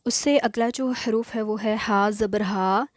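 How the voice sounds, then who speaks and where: Slow, patient woman teaching recitation. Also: medium pitch, steady tone, no room sound, studio quality. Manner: patient, repeats sounds slowly and drills them; mixes English words into her talk. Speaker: Quran reading teacher. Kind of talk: beginner recitation lesson.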